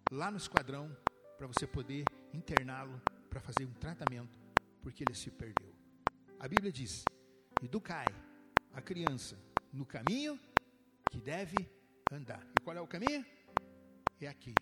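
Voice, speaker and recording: A middle-aged man delivers a sermon from a church pulpit. His voice sits fairly high and swings widely up and down with animated emphasis. Loud instrumental music plays underneath throughout. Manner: animated preaching, swooping from low to high. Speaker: pastor.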